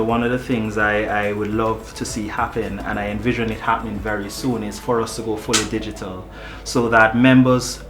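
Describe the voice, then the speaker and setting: A man who works as a marketing manager, answering interview questions in a relaxed way, often repeating words as he starts a thought. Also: medium pitch. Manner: easygoing, halting with repeated words. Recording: echoey room with music behind.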